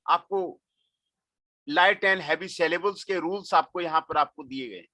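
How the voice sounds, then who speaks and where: A man's voice: on the high side, slow pace, sharp tone, dry recording. A middle-aged man giving a classroom lecture, mixing Hindi and English and repeating his phrases. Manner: mixes Hindi and English, repeats phrases, frequent filler "aapko".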